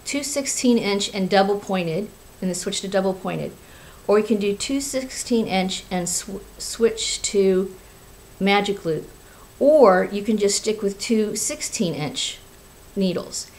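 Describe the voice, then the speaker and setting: A woman from Florida talks through a crafting project in a relaxed, candid vlog. Her voice sits at an ordinary middle pitch, and she rambles freely with plenty of fillers and restarts. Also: measured pace, low-quality recording. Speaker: craft podcast host; teacher. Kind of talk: casual video chat.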